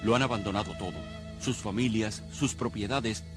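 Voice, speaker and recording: A man narrating a documentary in a measured, solemn scripted voice-over. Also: fairly low pitch, steady tone. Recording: studio voice-over over loud music.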